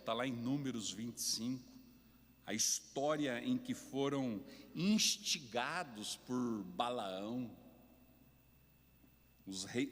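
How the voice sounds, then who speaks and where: A man with a Brazilian Portuguese accent preaching a sermon as pastor, deliberate and emphatic, his voice rising on key points. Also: medium pitch, fairly bright tone. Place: church sanctuary. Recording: long reverb of a church hall.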